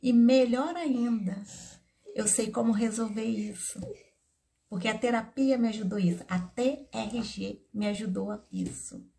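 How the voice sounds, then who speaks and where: A woman's voice: a little high, a little slow, creaky, mellow. A middle-aged woman therapist with a Brazilian Portuguese accent, talking casually to camera and telling an earnest personal story as she advises parents. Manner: earnest, storytelling, addresses viewers directly. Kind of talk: casual advice talk to camera.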